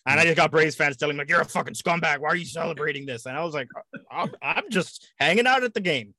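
Bright-toned rambling man. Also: on the high side, expressive, quick pace, dry recording. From United States. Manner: rambling, stumbling over words. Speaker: podcast guest. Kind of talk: casual chat.

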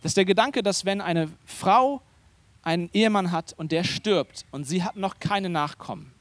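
A man's voice: high voice, normal speed, dry recording. A man preaching a sermon as pastor, speaking conversationally and emphatically, often turning to the congregation with questions. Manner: animated, emphatic delivery.

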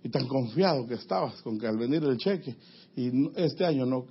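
A man preaching a sermon in an emphatic style, his voice swinging from loud to quiet. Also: mid-range voice, lively intonation, normal speed, slightly rough. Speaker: pastor. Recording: dull lo-fi sound.

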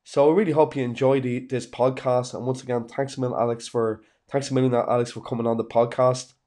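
Introducing his guest, a podcast host heaps on enthusiastic, repeated praise, dropping frequent "um"s as the intro moves into interview chat. His mid-range voice is mellow and fast, with little pitch movement.

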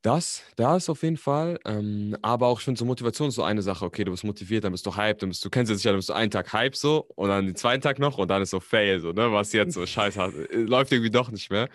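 A man, a podcast guest talking casually, relaxed and slangy, with English words mixed in. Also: fairly low pitch, fast talker, hardly any pauses, no echo, clean studio sound. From Germany. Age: 20s. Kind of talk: casual interview chat.

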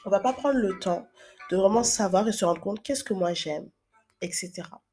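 A woman's voice: medium pitch, moderate pace, darkish tone, soft background music. A woman in her thirties giving casual, chatty advice to young viewers, with frequent fillers and restarts. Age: 30s. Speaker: advice vlogger.

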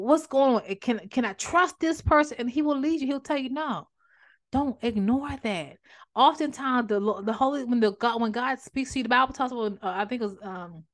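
Speaking rapidly and energetically, a female podcast host and author gives a motivational talk rooted in faith. Her voice is a little high, and she often circles back, restarting and repeating her phrases.

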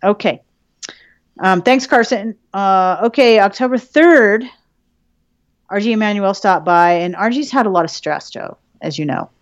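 A woman's voice: medium pitch, unhurried, no room sound, dull audio. A woman co-hosting a podcast in casual chat, swearing freely and laughing often. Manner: profane, laughing, chatty. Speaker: podcast co-host.

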